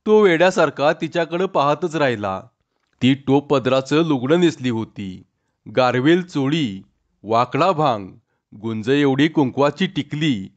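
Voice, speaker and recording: A man reading a rural story aloud in a calm, measured way. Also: medium pitch. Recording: dull lo-fi audio.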